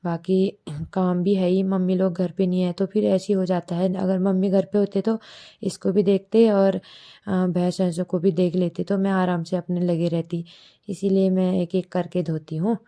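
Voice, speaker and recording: A woman's voice: on the low side, flat delivery, moderate pace, mellow. A young woman from Uttarakhand, narrating a casual home vlog in a chatty, rambling way. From Uttarakhand, India. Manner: chatty, repeats "matlab" often. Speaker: village vlogger and mother. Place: home courtyard outdoors.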